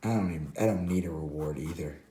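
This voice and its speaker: A hoarse man voicing a young male reindeer who stands up to his boss, close to his own low voice. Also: fast, mellow, echoey room, slight background noise, natural voice. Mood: defiant. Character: young male reindeer, fed up but proud.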